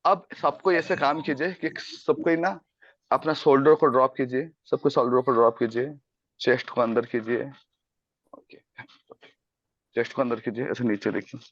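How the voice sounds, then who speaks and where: A man's voice: medium pitch, fairly even intonation, moderate pace, long pauses, a bit bright, no room sound, highs cut off. A man teaching a sales class on a video call, mixing Hindi and English and quizzing his students. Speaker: sales coach.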